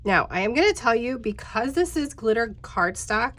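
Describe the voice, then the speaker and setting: A woman in her thirties speaks in a fairly high, expressive, slightly bright voice at a moderate pace, sounding a bit congested and nasal. She chats casually and directly with viewers, using many fillers, while guiding them through a step-by-step craft tutorial.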